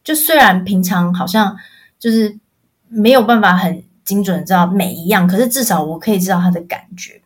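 A woman telling a personal story on a podcast over an online call, halting, repeating words as she searches for them. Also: medium pitch, husky. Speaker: podcast co-host.

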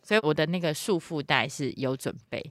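A woman in her thirties chatting casually on a podcast, telling a lively story and acting out the lines of other people. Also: low-pitched, fairly quick. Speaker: guest mother.

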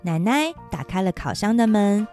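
A woman's voice: medium pitch, very animated, moderate pace, a little mellow, faint music behind. A woman hosting a children's story podcast, reading a picture book aloud in a sing-song manner addressed to kids. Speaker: storytelling mother, podcast host.

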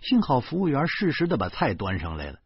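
A man reading a novel aloud as narration, telling the story in a lively way and chuckling now and then. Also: mid-range voice, a little fast, breathy edge, dry recording, lo-fi sound. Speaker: audiobook reader.

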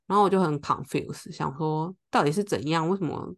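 This co-host has a low voice and a brisk delivery. Chatting casually on the podcast, she tells a story with animation, playing out the dialogue of those involved.

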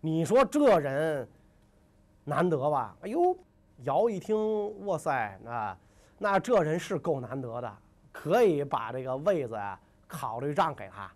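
A male storyteller, retelling old legends in a joking, conversational way. His voice sits high and leaps around, bouncing between asides to the listener. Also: sing-song, a little slow. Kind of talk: comic history storytelling.

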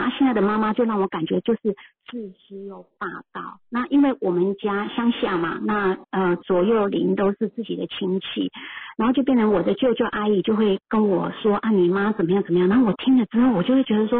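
A woman, telling an emotional family story on a live podcast in an animated way. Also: medium pitch, breathy edge. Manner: animated, emotional, voices quoted arguments. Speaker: guest sharing a family story. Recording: dry, phone-like narrow-band line.

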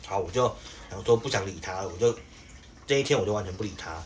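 A man's voice: low-pitched, animated, quick pace, a little hiss or hum. A young man, telling an exasperated work story in casual podcast chat, full of fillers. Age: young adult.

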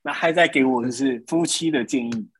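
A man, telling stories in a casual podcast chat, animated, laughing often. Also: mid-range voice, fairly quick, breathy edge, dry recording. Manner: animated storytelling with frequent laughs. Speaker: podcast co-host.

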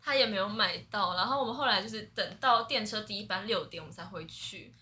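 A young woman with a Taiwanese Mandarin accent, a podcast guest telling a story in animated casual chat, swinging between laughter and near-tears. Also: mid-range voice, quick pace, slight background noise. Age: 20s.

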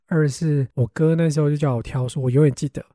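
A young man with a Taiwanese Mandarin accent, hosting a podcast and telling family stories in an animated, exasperated way, swearing casually. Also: on the high side, fast talker, no echo, clean studio sound. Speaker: podcast host. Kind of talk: casual storytelling chat.

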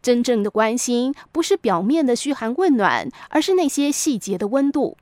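A woman hosting a podcast, reading a scripted reflective essay in a measured, moralizing storyteller's manner. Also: on the high side, sing-song, darkish tone, no echo. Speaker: podcast host.

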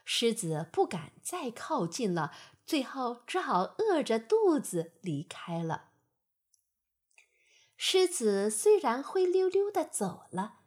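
A woman reads a bedtime fable at an unhurried pace, her voice soft and breathy. Her pitch rises and falls widely as she tells the story. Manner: gentle, expressive storytelling.

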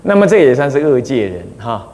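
A man, a Buddhist abbot teaching a class on the precepts, talking in a chatty way with many drawn-out "ah" fillers and small chuckles. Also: mid-range voice, sing-song, darkish tone. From Taiwan. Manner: chatty, full of drawn-out "ah" fillers, chuckles at his own anecdotes. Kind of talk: dharma lecture explaining a scripture. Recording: long hall reverb.

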